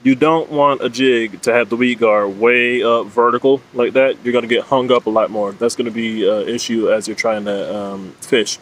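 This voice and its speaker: A fishing vlogger in his thirties explains a product to camera outdoors under leafy trees, informal, plain-spoken and instructive. His voice is medium-pitched and moderately paced, with hardly any pauses. Clear, steady outdoor background noise runs underneath.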